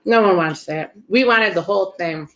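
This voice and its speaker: A woman's voice: medium pitch, moderate pace, a bit bright, slight background noise, poor audio. A woman with a stuffy nose from a cold, chatting casually and candidly as a co-host, with plenty of swearing. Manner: profane, candid. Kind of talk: casual chat.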